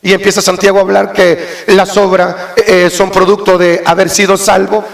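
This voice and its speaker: A man preaching a sermon as pastor, impassioned and often mimicking church members before rising to shouts. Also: high voice, flat delivery, normal speed, creaky, echoey room.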